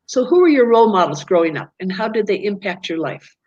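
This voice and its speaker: A woman's voice: mid-range voice, sing-song, fast talker. A woman hosts an interview over a video call, her voice coming through slightly muffled. She speaks with open appreciation, reading out introductions and inviting questions from viewers. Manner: warmly appreciative, reads introductions. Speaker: host. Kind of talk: hosting an interview.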